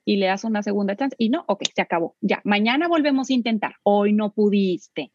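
A woman's voice: medium pitch, brisk, a little mellow, lo-fi sound, slight background noise. A woman, a parenting expert speaking as a guest, who animatedly acts out talks between parents and children. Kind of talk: guest in a casual interview.

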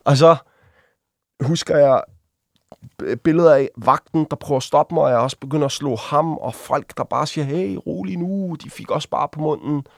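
A man, a guest on an interview, telling a personal story casually, with halting restarts and vivid acted-out quotes. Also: on the high side, fairly even intonation, no echo, studio quality. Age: adult. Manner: vivid, acts out quoted voices while retelling.

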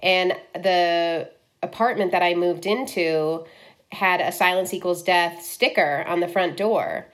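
This is a woman in her fifties who grew up in Ohio, a film director being interviewed. She speaks in a somewhat low voice, candid and loose, with frequent ums and likes as she thinks aloud. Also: measured pace. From Ohio, US Midwest. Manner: frank, lots of likes and ums.

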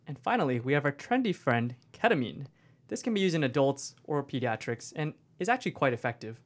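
Male co-host, average pitch, explanatory scripted read in the manner of a corporate training video. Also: big pitch swings, brisk. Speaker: medical podcast co-host.

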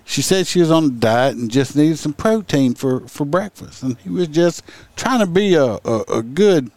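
A male podcast host tells stories in a loose, joking way and keeps acting out what people said. His pitch moves a lot, and the recording is dry and close. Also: animated, normal speed, a little mellow, no room sound. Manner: joking, laughing, acts out quotes. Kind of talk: casual comedic chat.

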